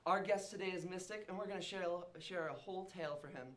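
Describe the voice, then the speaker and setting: A young male host reads a ridiculous scripted tale with mock-dramatic flair. His voice sits a little high for a man. He co-hosts with a partner on a student show. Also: fast, a bit bright. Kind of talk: reading a scripted comic tale.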